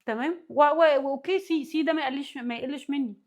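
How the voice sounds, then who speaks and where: A woman with an Egyptian accent teaches psychology at a rapid clip, in a slightly high voice. She works through examples one by one and keeps pausing to ask whether her listeners are following. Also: a little mellow. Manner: often checks that listeners follow; walks through worked examples. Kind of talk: spoken lesson.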